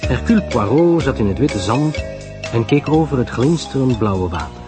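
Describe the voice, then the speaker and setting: A man narrating a radio drama in a lively storytelling manner. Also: mid-range voice, normal speed, over music.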